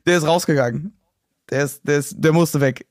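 A young man co-hosting a podcast in casual chat, slangy and excitable, acting out quotes. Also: fairly high pitch, moderate pace, no echo, studio quality. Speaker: podcast co-host.

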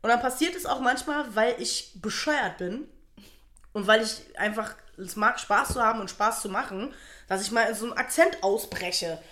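Co-host, German woman, blunt and foul-mouthed storyteller; bright, slightly high voice. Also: normal speed. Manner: blunt, crude, swears freely. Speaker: podcast co-host. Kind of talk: casual chat.

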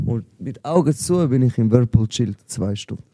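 A young man with a Swiss German accent tells a story in loose, slangy chat, calling his friend bro again and again. His voice is very dark and mellow. It sits dry and close on the mic. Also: medium pitch, expressive, moderate pace, no room sound. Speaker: podcast guest, rapper. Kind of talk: casual chat.

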